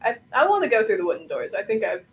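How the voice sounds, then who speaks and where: A woman's voice: fairly high pitch, very animated, quick pace, highs cut off, slight background noise. A woman chatting casually as a player in a tabletop game.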